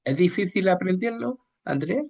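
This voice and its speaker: A man's voice: high-pitched, expressive, normal speed, creaky, darkish tone. A male radio host who puts short, direct questions to his guest.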